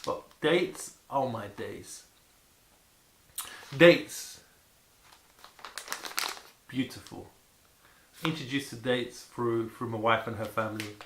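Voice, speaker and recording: A man chatting casually and excitedly to camera about food, rambling and repeating words for emphasis. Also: mid-range voice, moderate pace, few pauses. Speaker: vlogger presenting food to camera. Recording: echoey room with faint background noise.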